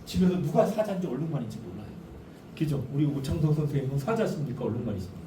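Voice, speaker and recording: A middle-aged man giving a lively lecture on family life, joking with the audience and asking them questions. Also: mid-range voice, rapid-fire. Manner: animated, jokey, asks audience questions. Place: lecture hall. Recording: echoey hall, distant mic, faint noise.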